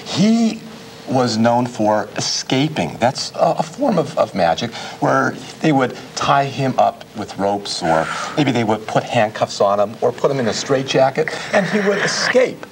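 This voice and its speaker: Lively man chatting to children, halting phrasing. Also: medium pitch, a little hiss or hum, rough recording. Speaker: guest magician and school teacher. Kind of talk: interview chat aimed at children. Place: television studio with children present.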